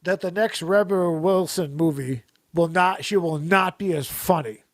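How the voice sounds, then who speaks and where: High-pitched man ranting on a comedy podcast. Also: a little slow, no echo, clean studio sound. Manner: ranting, opinionated, profane; acts out imagined quotes.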